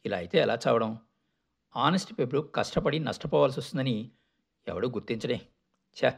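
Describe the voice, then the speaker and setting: A man voicing an irritable train passenger who mutters scornful complaints, with a gravelly edge. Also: medium pitch, expressive, a little fast. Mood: indignant.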